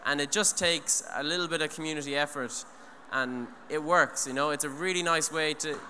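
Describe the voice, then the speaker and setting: This young man from Ireland, speaking at an eco event, talks into a handheld mic on stage in a big hall. He has a fairly high, brisk, bright, and forceful voice, and his earnest remarks wander, full of restarts and "you know". The audio has a long reverb from the hall and a little faint noise.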